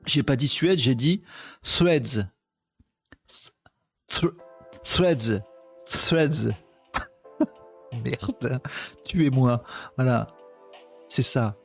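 A man's voice: mid-range voice, slow, vocal fry, pauses often, husky, dull audio, faint music behind. A man hosting a live online show, chatting casually and mocking himself with lots of fillers. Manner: joking, self-mocking, chatty with many fillers. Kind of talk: casual live-stream chat.

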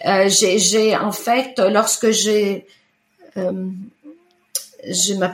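This middle-aged woman, a native Italian speaker, is an iridologist guest discussing her work in a conversational interview. She has a mid-range voice and a steady tone but hesitates often, using many fillers and restarts, and the room echoes noticeably.

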